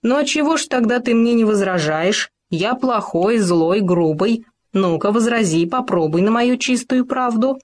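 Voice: mid-range voice, lively intonation, measured pace, pitched above the performer's own voice, lightly acted. The storyteller voicing a stubborn, blunt male hamster who prides himself on telling the truth. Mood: defiant. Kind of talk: storybook reading.

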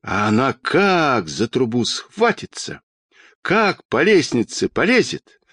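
A man's voice: medium pitch, very animated, a bit bright, slightly rough, no room sound, studio quality, full character voice. Man doing a chattering red-haired boy. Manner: breathless chatter, drawn-out words. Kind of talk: storybook reading.

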